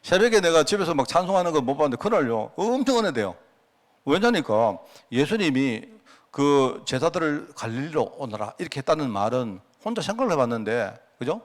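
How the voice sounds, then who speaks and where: A man's voice: on the high side, big pitch swings, a little fast. A middle-aged man with a Gyeongsang Korean accent preaching a conversational prayer-meeting sermon, telling stories with frequent asides to the congregation. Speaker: pastor.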